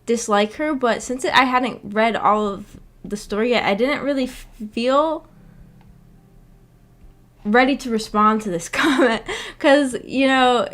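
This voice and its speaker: Hosting a visual novel book club on her livestream, a woman responds to viewer comments in a fairly high, somewhat bright voice at a measured pace. Her casual chat is hesitant and giggly while she hunts for words.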